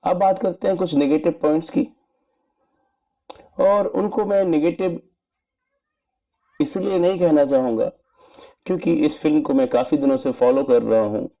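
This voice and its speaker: A man giving an earnest, measured spoken movie review in formal wording. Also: fairly high pitch, mellow. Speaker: film reviewer.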